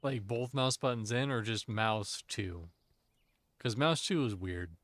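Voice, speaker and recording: A man's voice: fairly low pitch, unhurried, fairly bright tone, no echo. A man streaming an online game with friends, chatting casually in a playful, jokey, self-teasing way into a desk microphone. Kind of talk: casual gaming chat.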